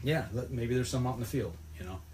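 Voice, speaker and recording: A man's voice: mid-range voice, fast, a little hiss or hum. A man telling a rambling, folksy story about a fishing trip in casual podcast chat. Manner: rambling, folksy, animated retelling.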